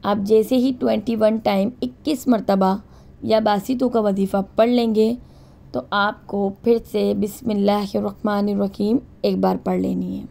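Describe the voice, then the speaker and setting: Woman, religious instructor, flat level delivery, gravelly tone, calm and repetitive, slow recitations. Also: medium pitch.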